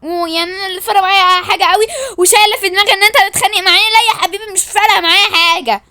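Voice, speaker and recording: A woman's voice: very high-pitched, racing. A woman with an Egyptian accent voicing a touchy young woman who snaps back in arguments. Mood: sharp. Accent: Egyptian Arabic. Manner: sharp, snappy retorts.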